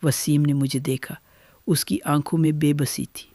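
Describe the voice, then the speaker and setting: An older woman telling her own family story in the first person, in a measured, gentle way. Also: sits low, steady tone, no room sound, studio quality.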